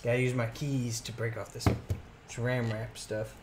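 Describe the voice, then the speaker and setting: A man's voice: mid-range voice, little pitch movement, moderate pace, very noisy. A young man streaming live, reading card names aloud as he opens packs and chatting casually with his viewers.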